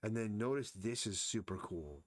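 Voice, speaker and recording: A man's voice: on the low side, lively intonation, normal speed, no room sound. A man casually thinking aloud as he sketches and explains anatomy during a live drawing stream. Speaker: artist streaming his drawing.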